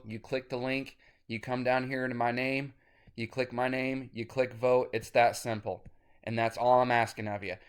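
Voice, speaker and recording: A man in his thirties, an independent musician, talking straight to camera in a rambling, cursing vlog rant that turns loud and insistent. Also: mid-range voice, clean tone. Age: 30s.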